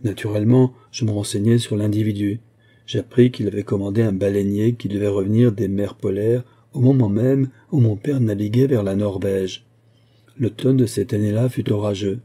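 A man voicing an anxious young man giving a long, earnest and measured account in an audiobook reading. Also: fairly low pitch, warm tone, slightly rough.

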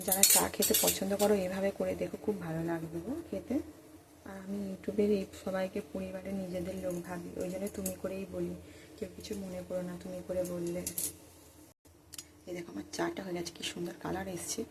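A woman talking softly and chattily to her viewers while cooking at home in the early morning. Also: lowish voice, little pitch movement, a little fast. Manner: speaks softly and quietly; chatty, addresses viewers directly. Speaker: vlogger. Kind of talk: casual cooking vlog. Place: home kitchen at dawn. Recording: noisy home recording.

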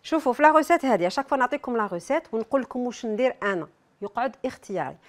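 A woman's voice: on the high side, animated, very fast. A woman with an Algerian accent presenting a cooking demonstration, chatting straight to her viewers with frequent asides.

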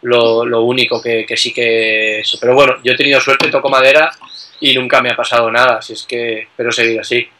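A man chatting casually as a guest about travel, relaxed, with many fillers and tag questions. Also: medium pitch, fairly quick, a little hiss or hum, poor audio. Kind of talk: casual conversation.

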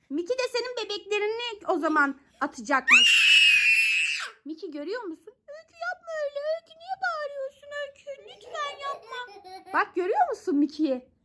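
High, lively woman mock-scolding. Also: slight background noise. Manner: mock-scolding, questioning, animated. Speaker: vlogger playing with a child. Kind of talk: playful scolding vlog.

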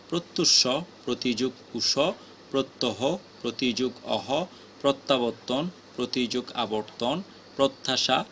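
A man teaching grammar, reading out word after word and splitting each into its parts in a slow, measured drill. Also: mid-range voice, bright, forceful tone, slight background noise.

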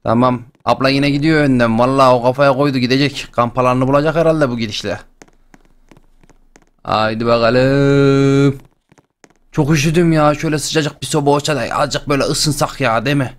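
A young man hosting a game channel, chatting and joking excitedly as he plays. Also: mid-range voice, fast talker, few pauses. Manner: chatty, excitable, jokes and exclamations. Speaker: gaming channel host. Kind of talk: playful let's-play commentary.

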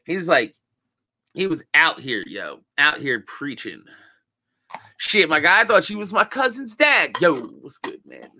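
A young man streaming live, his voice still groggy from just waking up. He rambles in a laid-back way and swears freely while answering chat, and his tone is bright but unhurried. The desk mic sounds close and dry. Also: fairly high pitch, big pitch swings, no room sound. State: groggy morning voice.

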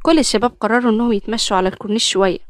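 A woman's voice: on the high side, steady tone, racing, dry recording, clean studio sound. A woman with an Egyptian accent narrating a romantic story.

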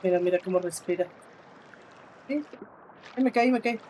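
A man giving casual live commentary while he plays, talking to the game character and to his viewers, swinging between exclamations and low muttering. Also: normal speed, a little mellow, a little hiss or hum. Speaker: streamer.

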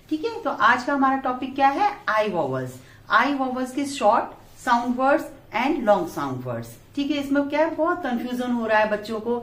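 A woman with an Indian English accent teaching a preschool phonics lesson at a blackboard. She spells each word out letter by letter and then says it crisply. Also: a little high. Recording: echoey room.

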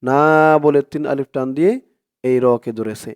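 A man teaching Quran reading, stretching out syllables slowly and then explaining rules in quick asides, with a Bangladeshi Bengali accent. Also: mid-range voice, dark tone, no echo, clean studio sound. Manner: slow drawn-out recitation alternating with quick explanations. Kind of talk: Quran recitation lesson.

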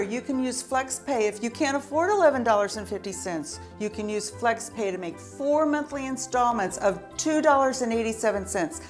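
A woman playing a shopping channel host in a comedy sketch, giving a bright sales pitch and getting flustered when she corrects her guest.

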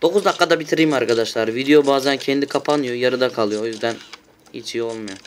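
A man giving loud, excitable commentary while playing a shooter game at home, often shouting and swearing at his teammates. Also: medium pitch, fast talker, a little hiss or hum. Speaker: gaming YouTuber.

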